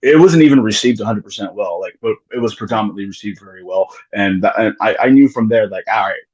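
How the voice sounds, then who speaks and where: An American musician, appearing as a podcast guest, talks casually about his music, rambling with frequent restarts and plenty of curse words. His voice is lowish, dark-toned, and slightly rough, and he speaks fast on a muffled recording.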